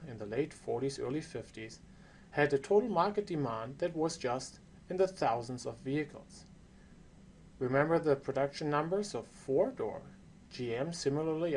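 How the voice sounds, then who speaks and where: Animated non-native English man lecturing. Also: mid-range voice, slight background noise. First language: not English. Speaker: course lecturer. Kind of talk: prepared lecture.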